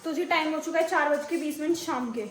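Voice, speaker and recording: A woman's voice: high voice, brisk. A woman in her late forties chatting casually through a family home vlog, scolding and teasing a child as she goes. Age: 40s. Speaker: family vlogger.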